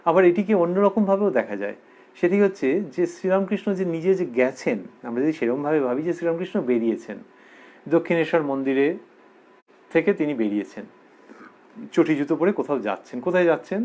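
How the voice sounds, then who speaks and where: A man giving a spiritual discourse as a religious lecturer, explaining slowly and repeating quoted verses for emphasis. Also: a little high, lively intonation, darkish tone.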